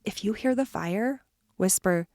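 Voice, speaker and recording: Slow soothing woman storyteller. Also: mid-range voice, background noise. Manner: slow, soothing, with whispered parts and call-and-response. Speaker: children's storyteller. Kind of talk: children's storytime narration.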